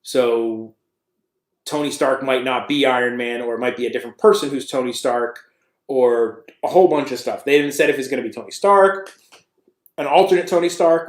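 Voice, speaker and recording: Man, podcast co-host, casual chat, animated, mid pitch, echoey room. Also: brisk. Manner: animated, breaks into mock screams. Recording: roomy echo.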